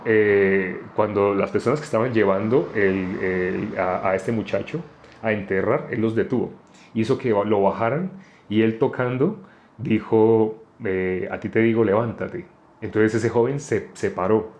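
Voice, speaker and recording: A man's voice: on the low side, a little mellow, slight background noise. A man preaching an informal Bible teaching. He talks in a conversational way and keeps asking his listeners questions. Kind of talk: informal sermon on a live stream.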